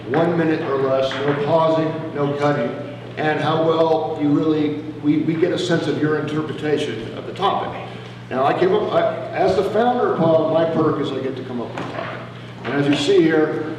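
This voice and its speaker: A man founding and hosting a festival, explaining a contest to the audience in a halting, jokey way. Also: a little high, noisy background. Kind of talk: announcing to an audience. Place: civic center hall. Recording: reverberant hall from far off.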